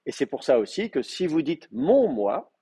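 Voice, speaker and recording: A man's voice: fairly high pitch, sing-song, normal speed, warm tone, slightly rough. A male teacher giving a live class, explaining step by step with many fillers and checking that students follow.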